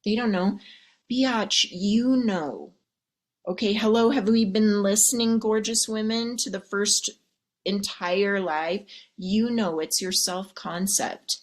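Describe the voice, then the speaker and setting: A woman coaching a live audience of women, chatty and sassy, calling them ladies and darling and acting out quoted voices. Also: medium pitch. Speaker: love and mindset coach.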